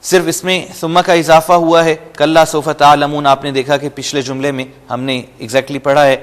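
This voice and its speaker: Brief: male teacher, slow recitations, quick explanations, slightly high voice. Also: level tone, long reverb tail. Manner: recites each verse slowly and loudly, then explains briskly. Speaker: Quran teacher. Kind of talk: step-by-step recorded lesson.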